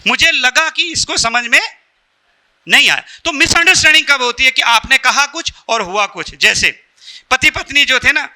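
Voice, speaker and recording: Bright, high-voiced man giving a motivational talk. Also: normal speed. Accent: Indian. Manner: storytelling with jokes, asks the audience questions. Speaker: spiritual speaker.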